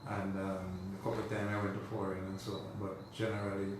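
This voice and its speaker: Speaking fast in a low voice with little pitch movement, this interview guest has a Dominican accent and chats in a rambling, conversational way, frequently dropping "you know". The mic sits far off in a very echoey room, and the recording is noisy.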